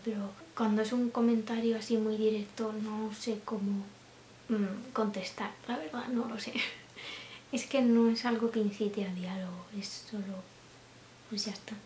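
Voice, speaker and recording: A young woman chatting casually to camera, laughing often and dropping into soft asides. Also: mid-range voice, steady tone, normal speed. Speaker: vlogger. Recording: roomy room with faint hiss.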